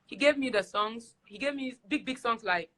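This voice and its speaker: Lively Ghanaian woman telling a story. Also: a little high, normal speed. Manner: animated storyteller, acts out quoted voices, laughs often. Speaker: singer, interview guest. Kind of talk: casual live-stream interview. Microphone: video call.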